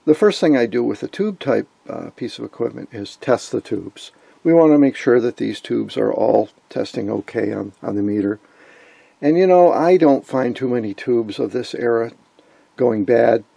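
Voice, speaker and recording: Warm, husky, and creaky, a man's mid-range voice comes across animated at a moderate pace, with no room sound. He runs a vintage radio hobby channel and talks informally about the equipment with enthusiasm and wry asides.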